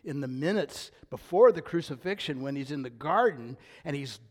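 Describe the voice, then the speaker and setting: Older male pastor, slightly high voice, sermon delivery with big dynamic swings from emphatic to hushed. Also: expressive, normal speed. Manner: swings from loud emphatic declarations to hushed near-whispers; reads scripture aloud with rising intensity.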